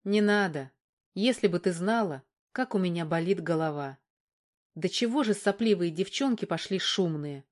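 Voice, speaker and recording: A woman voicing a calm, curt man with a dry, terse manner in an audiobook. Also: fairly low pitch, moderate pace, lightly acted.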